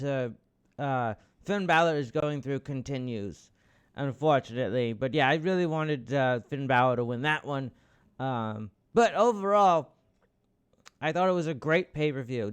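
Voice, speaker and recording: A man hosting a podcast, talking casually about wrestling in a rambling way with restarts, bursting into loud, excited outbursts and the odd swear. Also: a little high, smooth. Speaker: podcast host.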